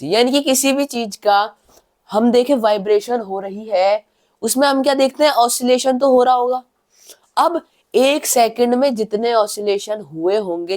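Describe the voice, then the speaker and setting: Giving a science lesson in a high-sitting voice, this male tutor reads English definitions word by word, slowly, and repeats phrases. He asks questions only to answer them, demonstrates with louder and softer speech, and trails off quietly at the ends of sentences.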